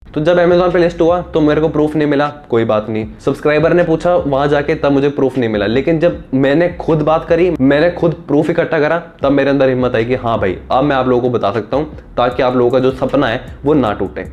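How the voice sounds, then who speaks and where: Speaking informally and directly to camera, a young adult tech video host throws in rhetorical questions and barely pauses at his brisk pace. His medium-pitched voice is a little mellow, picked up by a clip-on lapel mic in a small indoor room, with the highs cut off.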